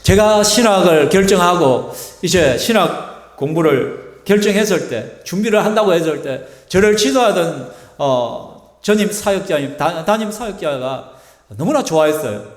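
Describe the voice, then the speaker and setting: A man's voice: high-pitched, lively intonation, normal speed. A male pastor preaching a sermon and telling a personal story, acting out the voices of the people in it. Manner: storytelling, acts out quoted voices. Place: church sanctuary. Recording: echoey church hall.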